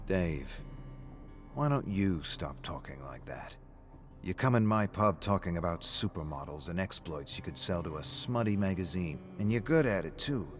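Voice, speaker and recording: A man's voice: deep voice, animated, moderate pace, soft background music. A man voicing a pub owner confronting an old friend, dry and needling, then earnest. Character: calm, probing male pub owner, longtime friend.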